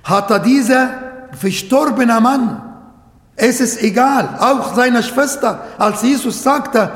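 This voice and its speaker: Earnest male preacher, high voice, unhurried emphatic delivery, echoey hall. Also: a bit bright. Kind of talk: sermon. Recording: echoey hall with long reverb.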